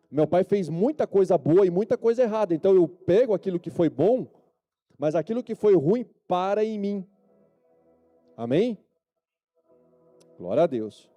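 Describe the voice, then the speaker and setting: A male pastor with a Brazilian Portuguese accent preaches a sermon at a church service in a high, dark voice. He often calls on the congregation for amens and yes-or-no answers.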